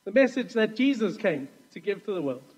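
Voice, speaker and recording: A man preaches to his congregation in a relaxed, story-led way. His voice sits high for a man. It rings out with the long reverb of a church hall. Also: a little fast, husky, lo-fi sound. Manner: conversational storytelling with asides. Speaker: pastor. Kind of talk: sermon.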